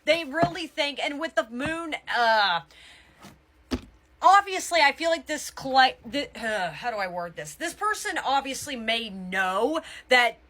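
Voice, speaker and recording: This tarot reader's voice is high-pitched, pushed and bright, and very animated as she does a casual reading for viewers. She's emphatic, yet she keeps halting and correcting herself partway through thoughts.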